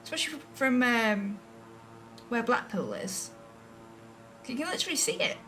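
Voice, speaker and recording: A woman from England talks through a flight simulator stream in a loose, chatty way, musing aloud and questioning her own choices. Her voice sits slightly high and a touch distant from the microphone. Soft background music plays quietly under her. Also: sing-song, moderate pace. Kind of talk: casual live-stream commentary while playing a flight simulator. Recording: voice a bit distant from the mic, faint music behind.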